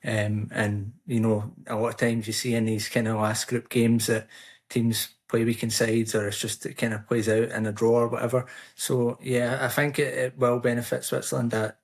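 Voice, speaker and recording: A male podcast guest from the United Kingdom, a Swiss football commentator, gives measured, explanatory answers in a casual interview. His voice is level and even-toned, a steady explainer at a middling pitch.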